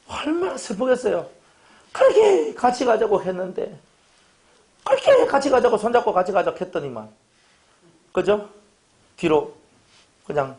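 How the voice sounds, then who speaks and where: A man's voice: sits high, a little mellow. A middle-aged male pastor preaching a humorous sermon, joking and acting out little dialogues with his congregation.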